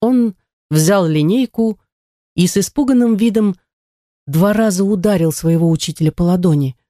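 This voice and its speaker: A narrator reading a classic novel aloud in a steady, expressive storytelling manner. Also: mid-range voice, normal speed, no echo, studio quality. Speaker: audiobook narrator. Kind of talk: scripted audiobook narration.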